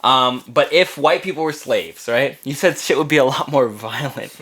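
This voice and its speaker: A man's voice: medium pitch, moderate pace, a bit bright. A man hosting a casual podcast chat among friends, joking and teasing, laughing often. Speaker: podcast host.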